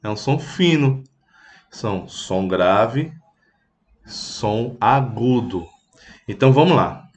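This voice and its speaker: A man's voice: mid-range voice, animated. A Brazilian man teaching a children's music lesson, patient and simple, mooing like a cow and strumming a guitar to show sounds. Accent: Brazilian Portuguese. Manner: slow, patient, with animal sound imitations; plays guitar while explaining.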